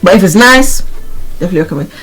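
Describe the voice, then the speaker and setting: Rambling streamer chatting live. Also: male voice, sits high, lively intonation, rapid-fire, a bit bright, rough recording. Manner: rambling, repeats himself, talks to chat by name. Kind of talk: casual live stream chat.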